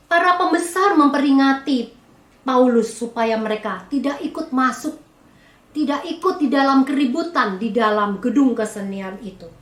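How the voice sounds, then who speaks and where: A woman church elder from Indonesia preaching a sermon to a women's fellowship, telling the story slowly and rising in emphasis on key words. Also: high-pitched, roomy sound.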